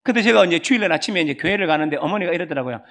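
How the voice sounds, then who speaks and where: A man in his fifties with a Gyeongsang accent, preaching a sermon as a pastor through lively storytelling and questions to the congregation. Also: fairly high pitch, very fast. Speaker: pastor and seminary professor.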